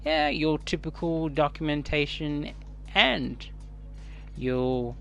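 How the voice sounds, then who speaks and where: A man with a Kenyan East African accent giving casual unboxing commentary as a tech reviewer, haltingly thinking aloud. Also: fairly high pitch, creaky, fairly bright tone, lo-fi sound. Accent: Kenyan English. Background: music.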